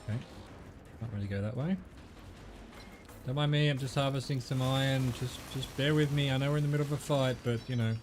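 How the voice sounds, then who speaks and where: A man's voice: mid-range voice, fairly even intonation, a little fast, long pauses, background noise. New man, wry sweary gaming commentary. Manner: wry, sweary, talks to the game. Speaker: gamer commentating on own play. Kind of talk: casual gameplay commentary.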